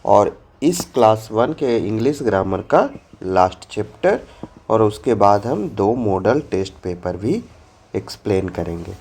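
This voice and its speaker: Male teacher, slow and patient, bouncy intonation, quizzing young children. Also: medium pitch, warm tone. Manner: slow, questioning, repeats answers for young students. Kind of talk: exam-prep lesson for children.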